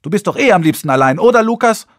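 A man reading an audiobook, voicing a blunt, sharp-tongued blind teenage girl in a raised higher voice. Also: very animated, moderate pace, husky, no echo, studio quality. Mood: angry outburst. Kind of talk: audiobook character voice.

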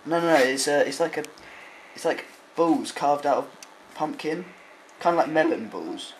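Speaking at normal speed with a voice on the high side, a young adult man carries out a prank call, his polite, hesitant questions full of fake earnestness. The setting is a dim room at home, recorded by a close handheld camera with amateur audio and clear noise.

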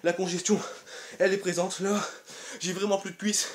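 A young fitness YouTuber does a leg workout in his bedroom as he coaches it, counting reps and spurring viewers on between breaths. He speaks high-pitched at a moderate pace, captured from far off by a camera mic across an echoey room.

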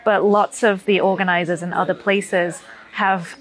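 A woman's voice: lowish voice, flat delivery, measured pace, poor audio. A woman in her thirties giving explanatory answers in a documentary interview. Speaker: executive director of a story hour organisation.

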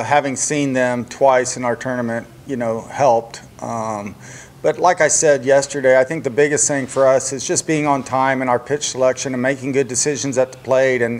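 Older man coaching at a press conference. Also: medium pitch. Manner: measured, plain-spoken, many "you know" fillers. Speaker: head softball coach. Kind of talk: postgame press conference answers. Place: press conference room, indoors. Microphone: table microphone.

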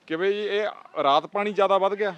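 A man's voice: high-pitched, clean tone, muffled recording. A man, reporting from a flooded village and questioning residents. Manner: quick questioning, soothing a crying woman. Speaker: field reporter. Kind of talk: on-location flood reporting and interviews. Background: crowd of villagers.

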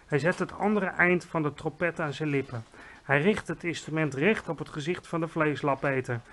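A man reading a children's book aloud with lively, expressive narration. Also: fairly high pitch, normal speed. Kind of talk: storybook read-aloud.

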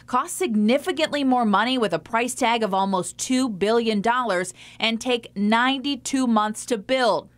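A young woman reporting the news from a television studio in a crisp, measured broadcast delivery, on a lapel mic. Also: mid-range voice, fairly bright tone.

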